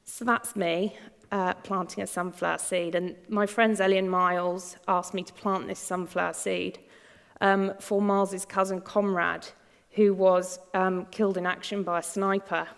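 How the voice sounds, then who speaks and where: A woman's voice: lowish voice, flat delivery, unhurried, gravelly, clear, resonant tone. Woman speaker telling her own story to an audience, casual and candid, in a reverberant hall. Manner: chatty, candid, laughs often, many fillers and restarts. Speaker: speaker giving a talk. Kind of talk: personal story talk to an audience. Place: large lecture hall.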